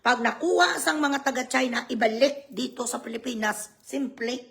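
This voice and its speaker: A woman's voice: a little high, normal speed, vocal fry, fairly bright tone. A woman ranting in a vlog, mocking and sarcastic, swearing freely. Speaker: vlogger.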